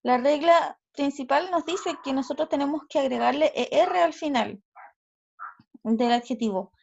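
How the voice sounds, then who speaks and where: Chilean woman teacher, high voice, slow and patient, recorded lesson on a computer mic. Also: gravelly, darkish tone. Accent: Chilean Spanish. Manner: slow, careful explanations with checking questions. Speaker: English teacher. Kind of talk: recorded online grammar lesson. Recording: slightly dull lo-fi audio.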